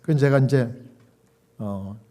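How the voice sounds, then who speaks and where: A middle-aged male pastor telling a story in a sermon, animated, laughing and acting out quoted dialogue. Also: medium pitch, slow.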